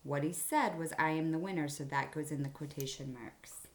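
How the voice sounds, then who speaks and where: A woman with a deep voice speaks at a normal pace. She's an elementary school teacher reading aloud a writing mini-lesson for kids, using simple explanatory phrases.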